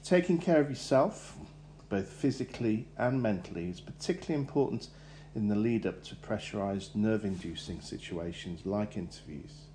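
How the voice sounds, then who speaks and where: A man gives interview advice in a measured, instructive way. His voice sits low and sounds mellow and relaxed. A faint hum stays in the background. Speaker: careers adviser. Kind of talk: scripted advice segment.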